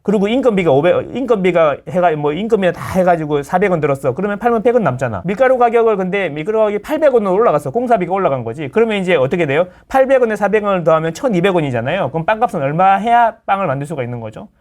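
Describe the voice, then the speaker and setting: A man's voice: sits high, big pitch swings, racing, hardly any pauses, darkish tone. A middle-aged man, a real estate lecturer chatting casually as a guest, explaining with everyday analogies and acting out the people he quotes. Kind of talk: casual chat.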